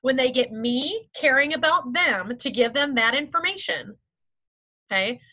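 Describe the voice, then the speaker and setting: A woman's voice: high voice, expressive, measured pace, bright, forceful tone, low-quality recording. A woman in her thirties leading a sales team meeting, upbeat and chatty, often saying "like" and "okay". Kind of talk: motivational team meeting talk.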